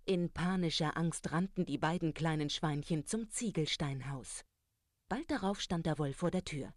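A storyteller reading a fairy tale aloud in a calm, even manner. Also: mid-range voice, normal speed, dry recording, studio quality.

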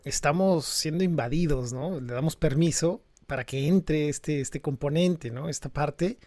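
A man hosts a relaxed conversation, pausing to search for words and dwelling on his amazement. His voice sits a bit high. The recording is dry and close. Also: dry recording. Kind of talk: casual conversation.

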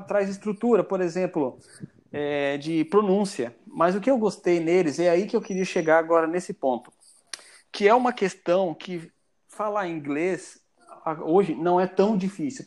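A man's voice: high-pitched, a little mellow. A Brazilian man chatting casually as a podcast guest, rambling and restarting his sentences often. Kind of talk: casual chat.

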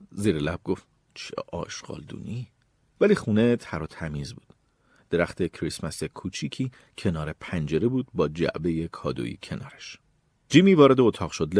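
Male audiobook narrator: low, breathy voice with a lively, expressive read; dry close sound. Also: no room sound. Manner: expressive storytelling. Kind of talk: scripted narration.

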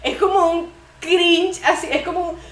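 A young woman co-hosting a casual podcast chat, animated and acting out quotes. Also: very high voice, normal speed, roomy sound. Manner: animated, acts out quotes, laughs often. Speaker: podcast co-host.

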